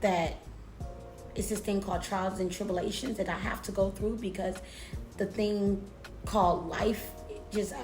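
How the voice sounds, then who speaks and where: A woman delivers a motivational pep talk in a roomy, echoing space. She speaks at an average pitch, emphatic and preacher-like, leaning on repetition while keeping her phrasing informal and conversational. Faint music plays behind her. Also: fairly even intonation, unhurried, pauses often. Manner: informal, conversational, addressing listeners as besties.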